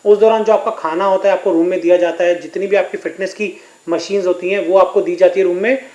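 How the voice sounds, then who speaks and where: A man's voice: high voice, steady tone, quick pace, a little mellow, roomy sound, low-quality recording. A man reporting as a sports correspondent in a news discussion, giving detailed explanations.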